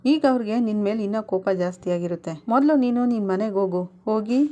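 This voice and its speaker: Middle-aged mom lecturing her daughter, read by a woman, mellow tone. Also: medium pitch, fast talker, close to an everyday voice. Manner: lecturing, advising.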